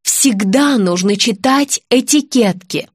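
A stern mother scolds her children in a sharp, raised voice, as a woman voices her in a storybook. The reading is close and dry. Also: a little high, takes it slowly, slightly rough, dry recording. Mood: scolding. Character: stern house-proud mother, wife of the host.

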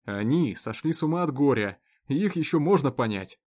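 A man's voice: mid-range voice, expressive, fairly quick, darkish tone, lightly acted. Storybook deputy, a man doing it: sensible, urgent, pleading. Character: level-headed male deputy.

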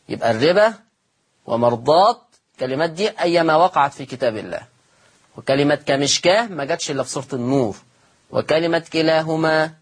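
A woman with an Egyptian accent teaching Quran recitation as an explanatory lesson. She repeats each point, asks the class rhetorical questions and slowly draws out the words she quotes. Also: low voice, slightly rough. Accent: Egyptian Arabic.

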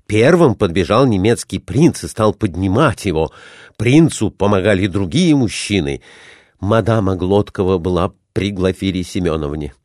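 Man, audiobook narrator, deep-ish voice, very animated intonation. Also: moderate pace, no room sound, clean studio sound. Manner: expressive, voices the characters. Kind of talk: audiobook reading.

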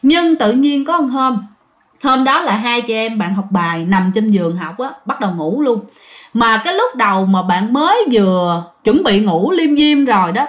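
A woman's voice: on the high side, lo-fi sound. A woman telling a ghost story in a chatty, casual way to her listeners. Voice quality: lively, chatty, drawn-out southern fillers.

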